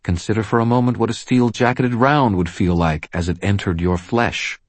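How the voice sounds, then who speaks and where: A steely woman cop , voiced by a man, answering a giant's threats in firm, clipped, raised tones. The voice is lifted well above his husky register and sounds close and dry. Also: on the low side, fairly even intonation, moderate pace, no room sound, pitched above the performer's own voice, close to an everyday voice. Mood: defiant. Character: tough, steely woman police officer. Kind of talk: audiobook character voice.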